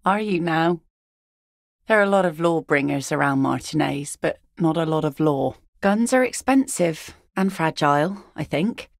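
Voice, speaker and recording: An actress gives game voice lines as a blunt, weathered fisherwoman who picks nets, delivering them in a dry, sardonic way. Her voice sits low and creaky, expressive at a normal speed, with no room sound.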